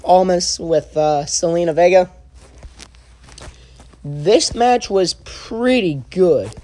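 A young man giving a casual spoken review, halting and full of filler sounds and restarts. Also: high-pitched, expressive, dark tone. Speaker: wrestling show reviewer.

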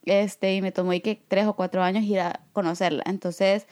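A woman from El Salvador with a Salvadoran Spanish accent, co-hosting a podcast in relaxed, chatty conversation. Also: mid-range voice, fairly quick. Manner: relaxed, chatty, frequent fillers and laughs. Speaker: podcast co-host. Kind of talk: casual chat.

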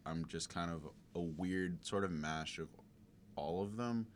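A man's voice: low-pitched, unhurried, slight background noise. A young man from the southern US with an American accent, chatting casually and telling slangy anecdotes as a podcast co-host. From southern United States. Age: young adult. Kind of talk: casual chat.

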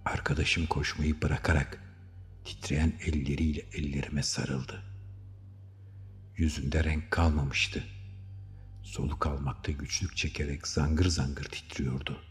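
Man reading a story aloud, super deep voice, measured and dramatic, long hall echo. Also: little pitch movement. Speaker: audiobook narrator. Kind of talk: first-person story narration.

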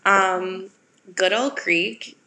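A woman's voice: medium pitch, extremely slow, pushed and bright, reverberant. A young woman from Wisconsin co-hosting a casual podcast, chatty and full of fillers. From Wisconsin, USA. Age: young adult. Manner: chatty, filler-heavy, giggly. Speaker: podcast co-host. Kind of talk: casual chat.

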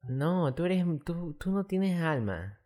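A man's voice: a little high, very animated, dark tone. Teasing young man, casual podcast. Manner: teasing, jokey, quick asides. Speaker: podcast co-host. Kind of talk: casual chat.

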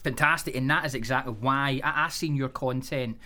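A man's voice: medium pitch, steady tone, a little fast, pushed and bright. A man hosting a business podcast, introducing and interviewing in a conversational way.

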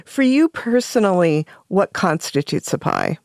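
A woman's voice: on the low side, very animated, a little slow, creaky, no echo. A woman hosting a radio interview from a studio, asking curious, prompting questions. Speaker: radio host. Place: radio studio in Los Angeles.

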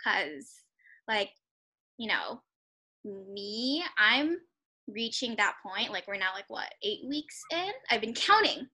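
Chatty bright-voiced young woman. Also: medium pitch, very animated, slow pace. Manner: chatty, many fillers like "like" and "you know". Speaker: interviewer starting a personal project. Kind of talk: casual conversational interview over a call. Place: at home.

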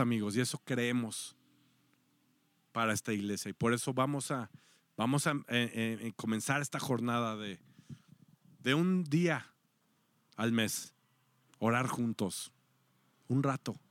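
A man's voice: medium pitch, a little slow, long pauses, no room sound. A man preaching a sermon, telling a story with acted-out quotes and dropping at times to near-whispers. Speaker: pastor.

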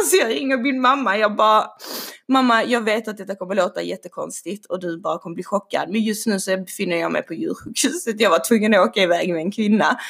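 Animated woman telling a story. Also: medium pitch. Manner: animated, swearing, acts out quotes. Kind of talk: casual storytelling.

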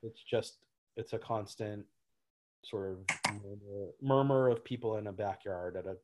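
A man's voice: fairly low pitch, steady tone, moderate pace, background noise. A man, a gym owner, answering interview questions in a loose, rambling way with lots of fillers and restarts. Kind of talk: casual interview talk.

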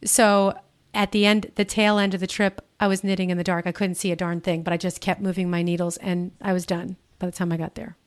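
A woman's voice: lowish voice, little pitch movement, brisk, few pauses, clean tone. A woman hosting a casual interview, telling stories in a chatty, rambling way full of fillers. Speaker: podcast host, interviewer.

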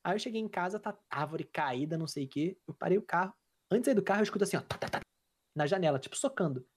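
Young Carioca man, animated slangy storyteller, husky and bouncy. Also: high-pitched, fast. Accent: Carioca Brazilian Portuguese. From Brazil. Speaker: podcast guest. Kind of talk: casual chat.

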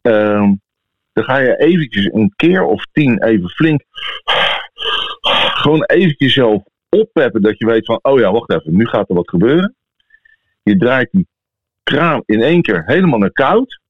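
A man's voice: mid-range voice, very animated, moderate pace, pauses often. A man with a Dutch accent from the Netherlands chatting casually and informally as a podcast host. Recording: thin phone-like sound, echoey room.

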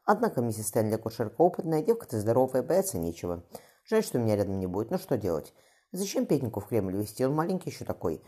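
A wry, sharp-tongued noble mother in her thirties teases her daughter fondly, as a woman reader puts her on. The voice is very low and mellow, and it moves along at a brisk clip. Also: big pitch swings, breathy edge, exaggerated voice. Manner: wry, dryly teasing.

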